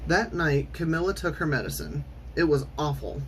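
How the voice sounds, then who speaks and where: A man's voice: on the high side, expressive, normal speed, fairly bright tone. Theatrical man reading a storybook, noisy background. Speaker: storytime reader. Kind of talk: expressive children's storybook narration.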